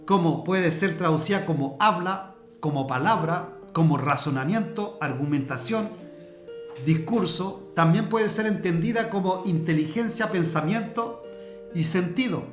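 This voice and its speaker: A man's voice: sits high, a little slow, faint music behind. Preacher, man, talks to his class plainly with everyday examples, roomy hall sound. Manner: conversational, explains with everyday examples. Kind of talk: church discipleship teaching. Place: church hall.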